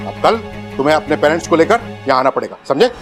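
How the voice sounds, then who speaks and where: Scolding school principal, high voice for a man, TV drama. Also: very animated, quick pace. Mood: stern. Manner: scolding, sarcastic. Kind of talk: TV serial acting. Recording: music playing behind.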